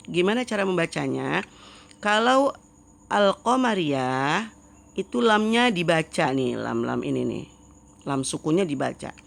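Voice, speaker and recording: Female language teacher, slow and patient delivery, strong gravelly fry throughout. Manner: patient, repeats each word slowly and drops pitch on the translation. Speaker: Arabic teacher. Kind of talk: reading lesson, word then translation.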